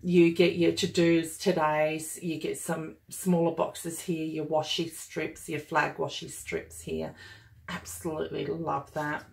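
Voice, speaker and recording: A woman's voice: low-pitched, little pitch movement, a little slow, creaky, a little mellow. A woman talking casually and enthusiastically as she unboxes and reviews a planner kit, gushing over each item. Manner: gushing and enthusiastic, chatty with fillers.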